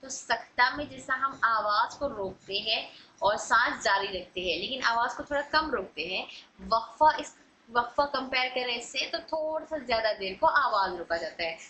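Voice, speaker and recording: Bright-voiced woman teaching recitation rules. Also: on the high side, lively intonation, normal speed, dull audio, a little hiss or hum. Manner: explains patiently, repeats each rule. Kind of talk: online tajweed lesson.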